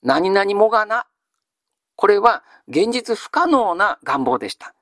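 A male teacher giving a grammar lesson. He asks a question, then answers it himself in a measured way. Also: high-pitched, big pitch swings, fairly bright tone, dry recording, clean studio sound. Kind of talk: classical Japanese grammar lesson.

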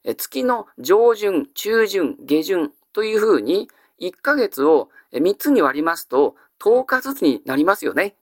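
A man teaching classical Japanese vocabulary in an exam-prep lecture, explaining patiently and often pausing on drawn-out fillers. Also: high voice, very animated, dry recording, studio quality.

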